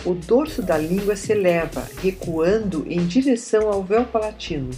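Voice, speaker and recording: A woman narrating a scripted grammar lesson, slowly spelling out example words. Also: mid-range voice. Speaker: teacher. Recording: soft music behind the voice.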